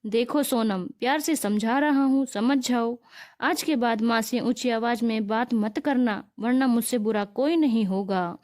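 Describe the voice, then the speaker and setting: A woman's voice: on the high side, unhurried, darkish tone, natural voice. A woman voicing a young husband who firmly scolds his wife for disrespecting his mother. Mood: scolding. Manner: firm, scolding.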